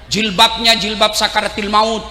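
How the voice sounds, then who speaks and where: High-voiced, bright preacher shouting jokes. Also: male voice, normal speed, slight background noise. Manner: animated, joking, shouts to the audience. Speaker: Islamic preacher. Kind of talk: humorous sermon to a crowd. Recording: echoey hall, faint ambience.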